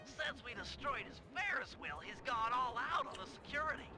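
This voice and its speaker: A man voicing a nerdy young male turtle strategist who briskly briefs the team on plans, in a game. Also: very high voice, expressive. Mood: briefing. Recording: game audio with music behind.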